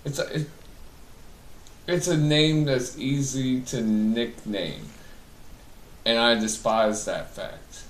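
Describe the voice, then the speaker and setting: Male comedy interview guest, mid pitch, crude irreverent banter, recorded off-mic in an echoey room. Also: slow, pauses often. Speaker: interview guest in a mock celebrity interview. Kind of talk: improvised comic interview banter. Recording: echoey room, distant mic, background noise.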